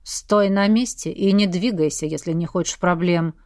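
A woman's voice: lowish voice, moderate pace, a little mellow, no echo, studio quality, pitched below the performer's own voice, natural voice. A woman doing a curt, commanding prince. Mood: curt stern. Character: prince, a strong, blunt, commanding man.

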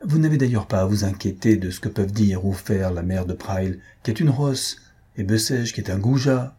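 Rôle : jeune homme dévoué, un peu jaloux, joué par le lecteur, ton sincère, timbre sombre et rauque. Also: male voice, lowish voice, expressive, brisk, mellow, breathy edge. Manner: earnest, tender questioning. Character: young gentleman, devoted admirer, earnest and jealous.

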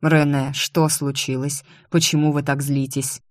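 A woman voicing a courteous aristocratic male rector who speaks in a measured, lazily haughty way. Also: low-pitched, little pitch movement, no room sound, clean studio sound. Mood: calm.

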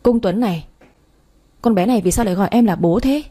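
A harsh, scornful older sister, as a woman narrator reads her lines. She scolds sharply in a mellow, slightly husky voice. The tone is warm and low in brightness, with a soft breathy edge. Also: quick pace, lightly acted. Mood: angry. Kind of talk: storybook reading.

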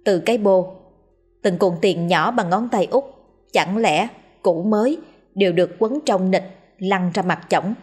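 A woman narrating a story in a measured, expressive reading. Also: mid-range voice, slightly rough, faint music behind. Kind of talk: scripted narration of a ghost story.

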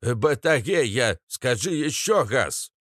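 A man voicing a creaky, cranky old male healer who slips into loud, slow outbursts. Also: fairly low pitch, lively intonation, dry recording, studio quality. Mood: furious. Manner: creaking, ominous, bursts into shouting.

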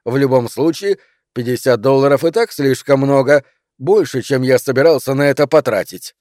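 A man's voice: mid-range voice, normal speed, darkish tone, dry recording, clean studio sound, lightly acted. A man reading aloud and voicing a smug, condescending middle-aged husband.

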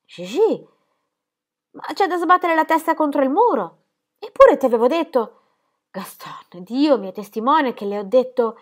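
A woman's voice: on the high side, moderate pace, few pauses, pitched above the performer's own voice, natural voice. A woman voicing an anxious, placid grandmother who laments her family's troubles. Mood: alarmed. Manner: calm, plaintive.

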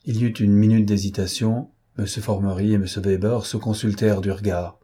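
A man reading a classic novel aloud as an audiobook narrator in a measured storytelling manner. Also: lowish voice, level tone, warm tone, breathy edge. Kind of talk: scripted literary narration.

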